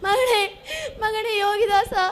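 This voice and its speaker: A woman's voice: extremely high pitch, steady tone, a little fast, pushed and bright, a little hiss or hum. A school student voicing a grieving queen mother who wails and sobs over her lost son in a stage play. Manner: wailing lament, sobbing.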